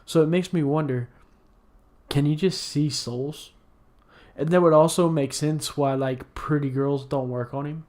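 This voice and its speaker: A man's voice: on the high side, steady tone, measured pace, a little mellow. Sleepy man rambling about anime. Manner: rambling, many fillers and restarts. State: sleepy, yawning. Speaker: podcast co-host. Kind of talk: casual anime discussion.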